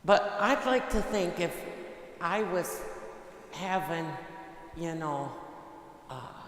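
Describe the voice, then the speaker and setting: Slow-talking priest in an echoing church. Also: male voice, high-pitched, lively intonation, fairly bright tone. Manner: conversational storytelling, many "you know" fillers. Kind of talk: homily. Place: large church. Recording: echoey church with long reverb.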